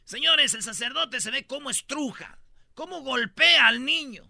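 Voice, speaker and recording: High-pitched gravelly radio host. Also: male voice, moderate pace, sharp tone, no room sound, studio quality. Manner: jokey, playful, acts out voices in his stories. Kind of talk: comic radio banter.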